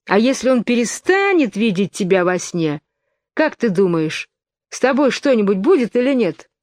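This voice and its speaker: A woman's voice: on the high side, very animated, normal speed, a little mellow, no echo, studio quality, voice pushed up. A woman voicing a boastful, self-satisfied little twin brother who teases the girl, in a storybook reading. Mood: teasing.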